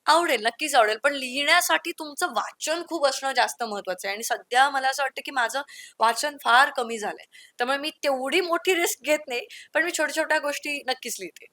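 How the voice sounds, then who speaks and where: A young woman from India's Konkan region, telling stories in a candid interview with lively quoted asides. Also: sits high, fairly quick, no echo. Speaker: interview guest.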